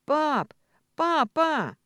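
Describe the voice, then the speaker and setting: A woman's voice: on the high side, expressive, slow, dark tone, no echo, studio quality, pitched above the performer's own voice. A woman voicing an indignant young daughter. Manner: indignant, suspicious.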